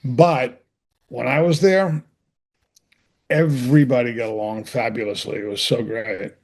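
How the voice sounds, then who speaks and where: A man, an actor appearing as a podcast guest, telling stories in a lively way and acting out both sides of a conversation. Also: mid-range voice, unhurried. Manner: animated storyteller who acts out both sides of a conversation. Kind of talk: casual interview storytelling.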